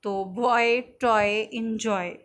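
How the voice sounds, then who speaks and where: A woman teaching a phonics lesson, slowly sounding out letters and words one by one. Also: on the high side, fairly even intonation, fairly bright tone.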